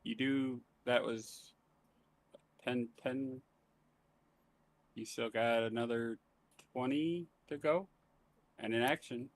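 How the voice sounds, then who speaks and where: A man running a tabletop game as game master, calling turns in an easygoing, brisk way. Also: medium pitch, fairly even intonation, no room sound.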